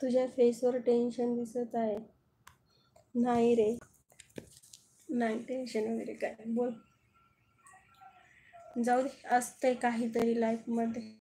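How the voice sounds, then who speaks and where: Chatty woman on a phone live stream, fairly high voice, slow and easy, faint hum behind. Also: flat delivery, warm tone, low-quality recording. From Kolhapur, Maharashtra. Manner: chatty, answers viewers one by one, laughs often. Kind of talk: casual live-stream chat.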